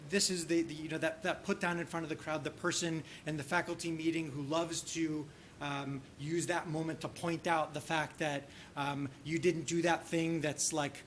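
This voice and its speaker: A man presenting a teaching workshop and talking through a case, halting often and restarting his sentences, with lots of "you know". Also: a little high, a little hiss or hum. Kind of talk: conference teaching session with case discussion.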